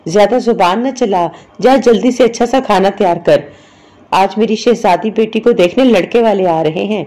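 Woman narrator voicing proud sharp-tongued mother, scolding, mellow low-toned voice, storybook reading. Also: lightly acted. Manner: scolding, boastful.

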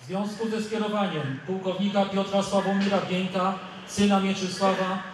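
A high male voice rings with heavy echo from outdoor loudspeakers. He is an officer formally reading out military orders, a little distant from the recorder. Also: fairly even intonation, normal speed. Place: outdoors at a ceremony. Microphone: stand microphone through loudspeakers. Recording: echoing outdoor PA, distant, faint noise.

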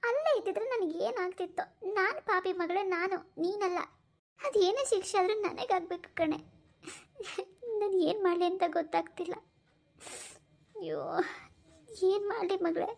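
A woman voicing a middle-aged mother who soothes her daughter in a cartoon, guilt-ridden and gentle. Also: extremely high pitch, normal speed, creaky, long pauses. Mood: consoling. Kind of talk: cartoon voice acting.

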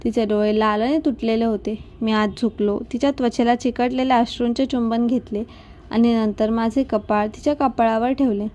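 Woman storyteller, scripted narration, steady delivery; voice sits fairly high, tone mellow. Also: normal speed.

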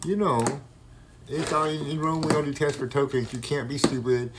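A man's voice: fairly high pitch, fairly even intonation, moderate pace, very noisy. A man freestyle rapping and ranting in a rambling, combative, heavily profane way.

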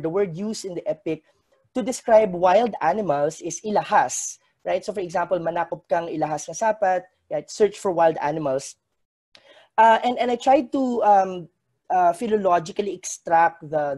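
Speaking through a video call webcam in an indoor room, a man presents a conference paper in a measured, scholarly manner with many pauses. He is an academic whose first language is Hiligaynon, and his voice is high and mellow.

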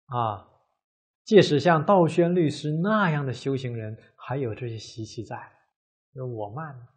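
A man giving a measured Buddhist dharma lecture, drawing out his phrases and filling pauses with many drawn "ah" sounds. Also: mid-range voice, breathy edge.

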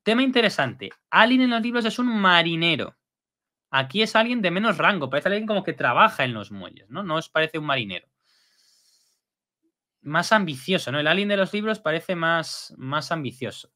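Chatty guy breaking down an episode, bright voice, bouncy pitch. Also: moderate pace. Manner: chatty, lively, with frequent fillers and tag questions. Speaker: video host.

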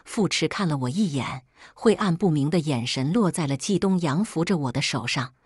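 A woman giving scripted first-person narration of a drama story in a measured, even storytelling delivery. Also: deep voice, husky, no echo, clean studio sound.

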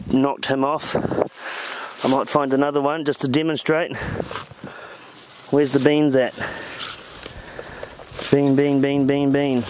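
A man's voice: mid-range voice, darkish tone, slight background noise. Enthusiastic New man in a field. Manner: enthusiastic, chatty, exclaiming. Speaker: farm advisor. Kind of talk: walking field talk. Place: outdoors in a tall crop field. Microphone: handheld camera.

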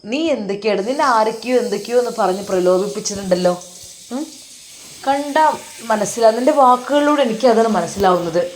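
Woman doing a soft coaxing old dad, malabar accent, middle pitch, pleading gently. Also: natural voice. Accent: Malabar Malayalam. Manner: tender, coaxing, fatherly pleading.

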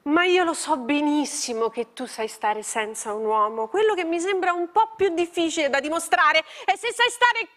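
A woman's voice: sits high, animated, normal speed, few pauses, fairly bright tone. A woman performing a comic stage monologue in a TV studio, acting out an exasperated one-sided phone call with theatrical flair. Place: TV studio with live audience.

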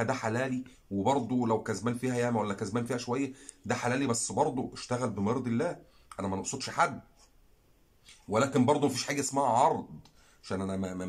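Speaking at medium pitch, a man with an Egyptian Arabic accent makes a heartfelt, pleading appeal to the camera on his fishing channel. He repeats phrases again and again to stress his message.

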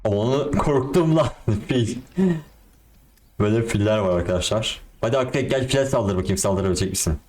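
A young man giving casual, excitable commentary on a game and talking to his viewers in slang. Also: fairly low pitch, brisk, slight background noise. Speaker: gaming YouTuber.

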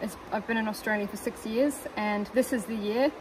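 A woman's voice: on the high side, fairly quick, a little hiss or hum, low-quality recording. A New woman chatting casually and rambling about her car, with lots of fillers and giggles, recorded in a car. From New Zealand. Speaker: car owner guest. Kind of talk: casual chat. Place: in a parked car.

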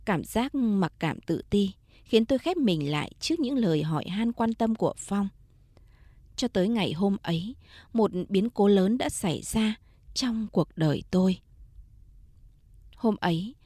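A woman storyteller reading a first-person country story in a calm, measured way. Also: medium pitch, dry recording, studio quality. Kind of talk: first-person scripted narration of a late-night story.

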